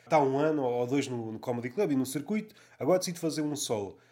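A man's voice: mid-range voice, animated, fast, a little mellow. A man in casual conversation, thinking aloud in colloquial language. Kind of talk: casual chat.

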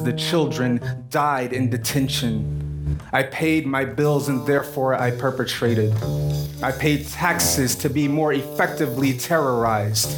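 A man solemnly reciting a poem in a measured way, with guitar music playing behind him. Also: fairly high pitch. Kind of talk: poetry reading over music.

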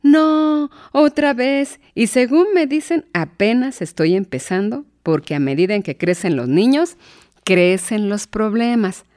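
A woman's voice: mid-range voice, lively intonation, moderate pace, a little mellow, no echo, clean studio sound, close to an everyday voice. A woman voicing another mother who sounds exasperated and resigned to her young child's mischief, in a raised voice.

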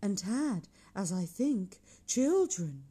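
A woman playing a gentle, solemn ghost in a storybook, speaking in a measured, deliberate manner. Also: medium pitch, sing-song, breathy edge, exaggerated voice. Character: solemn, gentle ghost guiding through the past.

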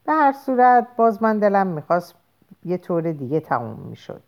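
A woman's voice: medium pitch, sing-song, vocal fry, a little mellow. A woman reading a storybook aloud, voicing a serious, restless young man who answers tersely.

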